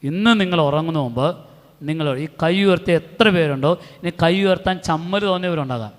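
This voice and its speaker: A middle-aged man from Kerala with a Malayali accent, giving an animated retreat talk to youth and acting out the people in his stories. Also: on the high side, a little fast. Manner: animated storytelling with acted quotes. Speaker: retreat preacher. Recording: long hall reverb.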